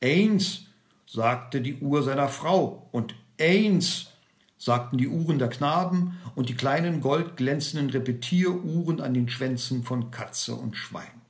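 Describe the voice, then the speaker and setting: A man reading a story aloud in a slow, theatrical manner, dropping his voice low for moments of dread. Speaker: narrator. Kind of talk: audiobook storytelling. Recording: roomy, with guitar music.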